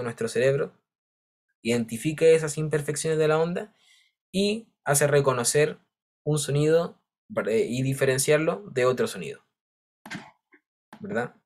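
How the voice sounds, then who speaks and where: Man, teacher, patient step-by-step explaining, frequent check-ins. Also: mid-range voice. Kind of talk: online class lecture.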